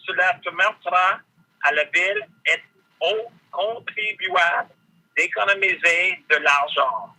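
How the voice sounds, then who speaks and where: A man, a borough councillor, heard over a speakerphone as he reads a prepared statement to a council meeting in a formal, measured way. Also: on the high side, pushed and bright, rough recording. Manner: formal, measured delivery of a written text.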